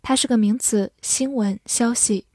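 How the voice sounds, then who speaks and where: A woman's voice: a little high, steady tone, a little slow, darkish tone, dry recording, clean studio sound. A woman teacher reviewing vocabulary, saying each English word twice and then listing its parts of speech and meanings.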